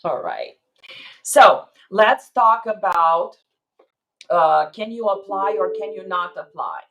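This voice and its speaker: A woman's voice: medium pitch, lively intonation, takes it slowly, a bit bright, muffled recording. A woman immigration attorney answering viewers' questions on a live stream, explaining step by step and checking in with "okay?".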